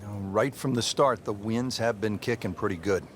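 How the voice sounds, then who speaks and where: A man anchoring live golf commentary in a measured play-by-play delivery. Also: on the low side. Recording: noisy outdoor crowd ambience behind voice. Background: crowd and outdoor ambience.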